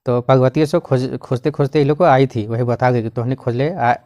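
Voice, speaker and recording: A man teaching, who reads a line in a regional dialect and then explains it in plain Hindi, often coughing and clearing his throat. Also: medium pitch, fairly even intonation, fairly quick, darkish tone. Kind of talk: explaining a Khortha text line by line.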